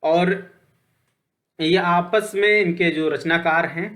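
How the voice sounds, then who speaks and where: Male lecturer, slightly high voice, chatty explainer who quizzes and answers himself. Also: steady tone, slow pace, fairly bright tone. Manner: conversational, repeats points with "ठीक है"; poses questions then answers them. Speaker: teacher. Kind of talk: online lecture.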